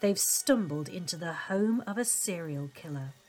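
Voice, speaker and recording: A woman's voice: lowish voice, lively intonation, normal speed, mellow, faint music behind, low-quality recording. A woman hosting a podcast in the style of a true crime narrator, reading scripted narration. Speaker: podcast host.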